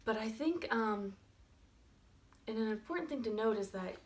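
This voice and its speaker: A woman's voice: a little high, moderate pace, slight background noise. Woman teacher telling kids a story. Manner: friendly, animated, with fillers. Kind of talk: storytelling lesson for children.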